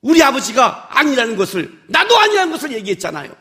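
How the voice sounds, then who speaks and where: A man preaching a sermon in a church worship service, chatty and animated, firing rhetorical questions at the congregation and acting out scolding lines in sudden loud bursts. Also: very high-pitched, fast talker. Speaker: pastor.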